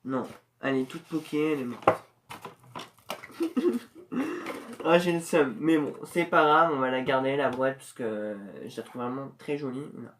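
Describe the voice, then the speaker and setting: A host giving casual unboxing commentary in a chatty, slangy way with many hesitations, getting excited while opening the package. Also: mid-range voice, slight background noise.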